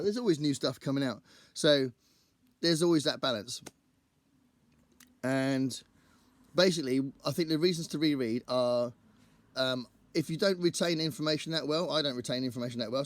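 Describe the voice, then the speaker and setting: With a medium-pitched voice gone croaky from last night's gig singing, a man hosts his own book channel. He talks to camera casually, rambling and thinking aloud.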